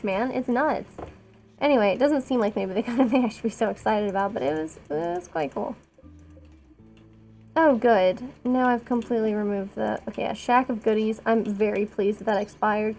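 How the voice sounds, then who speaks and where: A woman's voice: fairly high pitch, vocal fry, darkish tone. A woman streaming a colony-building game, chatting casually with rambling, self-deprecating asides. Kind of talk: casual gameplay commentary.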